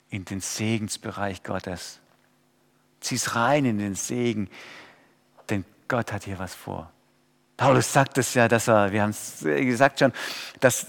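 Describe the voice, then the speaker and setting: Preacher in a reverberant hall. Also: male voice, mid-range voice. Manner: swings from quiet to loud pleading cries. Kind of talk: sermon.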